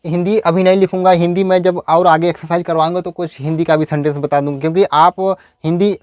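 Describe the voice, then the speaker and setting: A man teaching English in a video lecture, explaining step by step and saying example sentences slowly. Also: fairly high pitch, flat delivery, clean tone, no echo.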